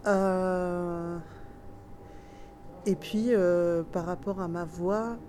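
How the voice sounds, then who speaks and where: In a warm, steady, lowish voice with a slight nasal quality, a Tunisian woman answers an interview in French with a light accent from her native Tunisian Arabic. She is thoughtful but hesitant, often pausing and starting over, and a little hiss or hum is audible.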